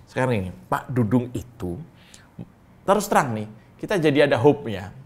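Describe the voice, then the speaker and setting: Male co-host, lively pitch, jokey banter with frequent laughs. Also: a little fast. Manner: laughs often, animated banter. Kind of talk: casual political chat.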